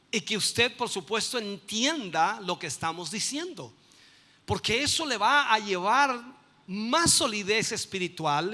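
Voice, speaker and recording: A man's voice: sits high, long reverb tail. A man, a bishop and pastor, teaching a sermon with emphatic bursts. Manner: emphatic, rising to loud bursts.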